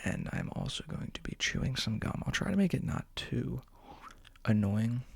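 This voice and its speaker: A man's voice: mid-range voice, big pitch swings, normal speed, dry recording. A man whispering casually into a close microphone for an ASMR video, rambling and joking in a self-aware way. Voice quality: breathy whisper. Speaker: ASMR creator. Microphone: studio microphone with fuzzy cover, close.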